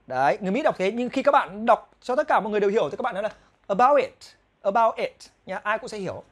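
A man with a Vietnamese accent teaching English pronunciation, repeating English phrases slowly between explanations. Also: high voice, expressive. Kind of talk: pronunciation lesson.

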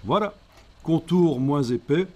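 A man speaking, explaining a software tutorial step by step and thinking aloud as he works. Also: on the high side, animated, slow. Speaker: software instructor. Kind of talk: screen-recorded software tutorial.

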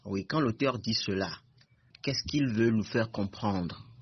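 Slow husky man explaining a book. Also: lowish voice, no echo. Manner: measured and explanatory. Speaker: book presenter. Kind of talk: literary discussion. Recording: dull lo-fi recording.

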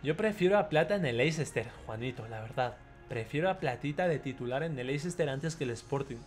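A young man streaming a football video game live, chatty and excitable, greeting viewers by name as he plays. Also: mid-range voice, brisk, soft background music. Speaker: gaming streamer. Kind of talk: live gameplay commentary with chat shout-outs.

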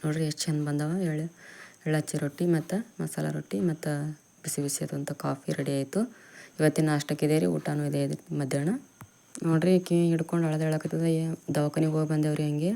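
Village cooking vlogger, young woman, North Karnataka accent, homely step-by-step talk, low warm voice. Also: level tone, fast talker, creaky. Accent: North Karnataka Kannada. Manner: chatty, explains step by step to viewers. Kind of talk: homely cooking demonstration and chat.

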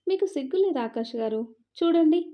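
A woman's voice: high-pitched, expressive, a little fast, pitched above the performer's own voice. A woman voicing a shy, sweet young wife in a romantic storybook, speaking coyly and fussily on a slightly muffled recording.

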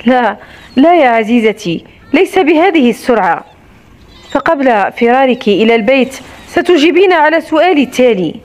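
Brief: sardonic husband, mocking and softly menacing, read by a woman with a high voice. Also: expressive, moderate pace. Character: sardonic, controlling young husband.

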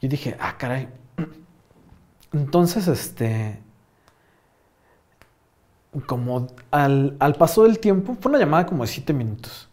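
A man's voice: mid-range voice, expressive, takes it slowly, pauses often, darkish tone. A young man with a Mexican accent telling a rambling, slang-filled story in casual chat, full of fillers. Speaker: podcast host.

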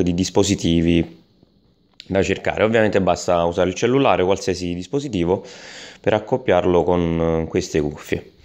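Male gadget reviewer, deep register, halting delivery full of "eh" and restarts. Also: a little mellow. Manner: hesitant, many fillers and restarts. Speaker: tech product reviewer. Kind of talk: unscripted product review voice-over.

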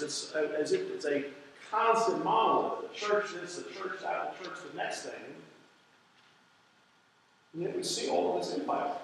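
A man's voice: fairly high pitch, vocal fry, slight background noise. A man, a pastor, teaching a church history class in a church, lecturing in a conversational way with wry asides and rhetorical questions. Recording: very echoey room, voice far from the mic.

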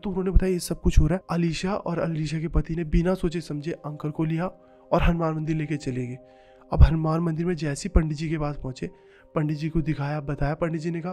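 A man's voice: a little high, warm tone. A man casually telling a horror story in a conversational way, narrating events in the present tense.

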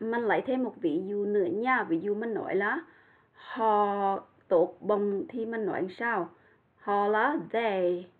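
Slow, careful woman teacher, tinny sound. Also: medium pitch. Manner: slow and careful, repeating words for pronunciation. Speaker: English teacher. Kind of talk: language lesson.

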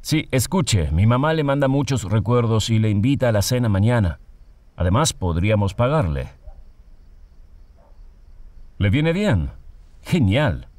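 Lively, lowish-voiced young schemer. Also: male voice, moderate pace, no room sound. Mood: eager, deferential. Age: young adult. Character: smooth, eager young schemer on the phone. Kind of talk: dubbed film drama.

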